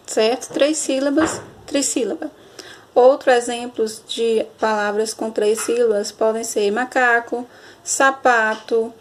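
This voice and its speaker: A woman teacher, giving a recorded grammar lesson and often checking understanding with a quick question. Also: on the high side. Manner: explanatory, checks understanding with frequent "certo?"; stretches and stresses example words slowly.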